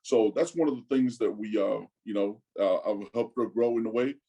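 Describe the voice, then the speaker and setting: A man's voice: lowish voice, mellow, breathy edge, poor audio. A man in his forties from Tonga, talking casually as an interview guest, often stopping to repeat words and tacking "man" onto his sentences. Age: 40s. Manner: halting, repeats words, says "man" a lot.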